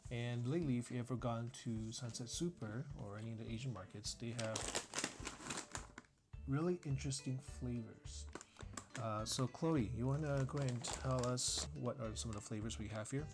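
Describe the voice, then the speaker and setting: Man, casual talk show host, relaxed, rambling, filler-heavy, guitar music underneath. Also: medium pitch, normal speed. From Singapore. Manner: relaxed and chatty, many uhs.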